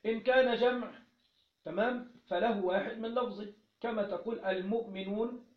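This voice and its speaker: A man's voice: sits high, fairly even intonation, moderate pace. A man with an Egyptian accent teaching a religious text, asking questions and then answering them himself, often repeating key phrases. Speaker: teacher of Islamic jurisprudence. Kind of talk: religious lesson, explaining a text. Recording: roomy, dull lo-fi recording.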